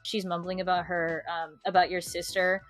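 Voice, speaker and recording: A woman streamer telling a game's story in a casual chat, animated and full of fillers. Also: on the low side, normal speed.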